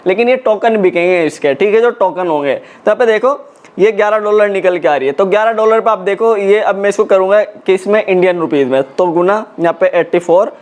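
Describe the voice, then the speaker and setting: A young man casually walking viewers through an on-screen tutorial, chatty and repeating filler check-ins as he goes. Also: high-pitched. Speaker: crypto tutorial YouTuber. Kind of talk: casual screen-walkthrough explanation.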